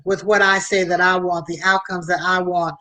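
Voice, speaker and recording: A woman's voice: lowish voice, flat delivery, moderate pace, pushed and bright. Female host, conversational motivational talk, emphatic and advising, speaks straight to the listener.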